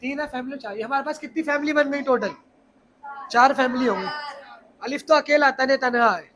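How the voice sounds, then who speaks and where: A man's voice: very high voice, moderate pace, a bit bright, slight background noise. Man teaching children, quizzing the class. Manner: asks the class frequent questions and repeats key points.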